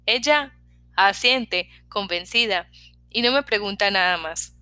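A woman narrating a novel in the first person with a calm, measured reading. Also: mid-range voice, no room sound. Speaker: audiobook reader.

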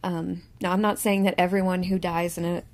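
A woman's voice: lowish voice, little pitch movement, brisk. Chatty woman podcast host. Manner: chatty with frequent fillers and restarts. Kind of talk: casual solo podcast chat.

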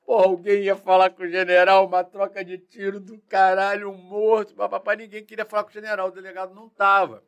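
A man, a former police chief telling war stories in a slangy, profane, animated way. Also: high-pitched, brisk, hardly any pauses, clean tone. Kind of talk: casual storytelling interview.

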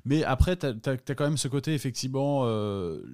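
A man's voice: medium pitch, lively intonation, moderate pace, a little mellow. A man co-hosting a casual film podcast, adding short remarks with repeated stutters. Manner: chimes in with short comments and stutters. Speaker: podcast co-host.

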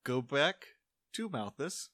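Brief: man voicing a mocking, menacing town guard, a bit raised and crisp, dry close sound. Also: mid-range voice, very animated, slow pace, a bit bright, dry recording. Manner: sneering, threatening.

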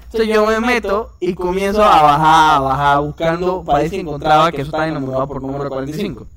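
A young man casually telling a story to friends on a podcast, animated and slangy, acting out his own past lines with nervous laughs. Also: a little high, quick pace, over a noisy crowd.

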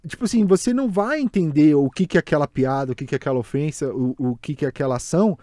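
A man chatting casually, circling around his point with restarts and fillers. His voice sits a bit high but sounds dark and mellow. The recording is dry and close. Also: fast talker, dry recording. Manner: rambling, many restarts and fillers. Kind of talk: casual podcast discussion.

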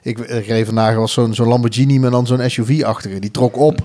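A man's voice: mid-range voice, fairly even intonation, brisk, warm tone. Musing man in a chatty podcast. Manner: musing, many fillers and restarts. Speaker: podcast co-host. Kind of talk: casual chat. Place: office studio.

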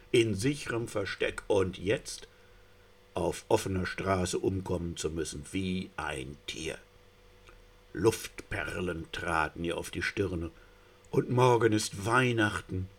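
Slow, deep-voiced male storyteller. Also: breathy edge. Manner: theatrical, shifting between hushed and rising tension. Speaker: narrator. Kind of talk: dramatic storytelling reading.

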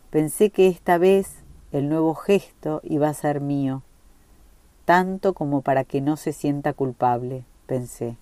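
Low-voiced woman reading a story. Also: dark tone, no room sound. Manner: measured, reflective narration. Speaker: reader. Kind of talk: reading a short story aloud.

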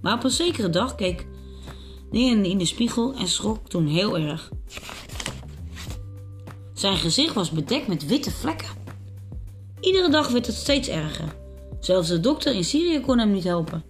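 A woman reads children's stories aloud in a calm, clear voice at an ordinary pitch. Her delivery is even and steady. Soft music plays faintly behind her. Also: measured pace, pauses often. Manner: calm, clear storybook reading. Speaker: storyteller.

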